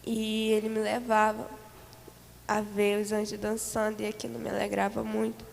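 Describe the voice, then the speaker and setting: A woman's voice: mid-range voice, monotone, normal speed, vocal fry, big-room sound, a little hiss or hum. A Brazilian woman giving an earnest church testimony, telling her story with many fillers and repetitions. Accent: Brazilian Portuguese. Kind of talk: spoken testimony of a vision. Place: church hall.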